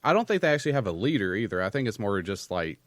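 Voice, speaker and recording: Male co-host, lower voice, relaxed chimer-in, dry. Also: very fast, no room sound. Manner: laid-back, chimes in with short agreements and asides. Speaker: podcast co-host. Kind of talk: casual chat.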